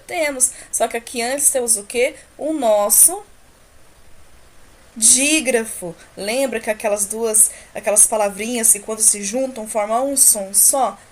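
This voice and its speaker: A Brazilian woman teacher going over homework corrections for young children, asking questions and answering them herself and drawing out example words slowly. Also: on the high side. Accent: Brazilian Portuguese. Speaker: primary school teacher.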